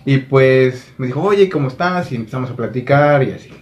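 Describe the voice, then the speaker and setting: Un hombre con acento mexicano, carpintero, que cuenta anécdotas en charla casual con tono relajado. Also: male voice, medium pitch, expressive, a little fast, darkish tone, lo-fi sound, slight background noise. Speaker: podcast co-host, carpenter. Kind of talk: casual chat.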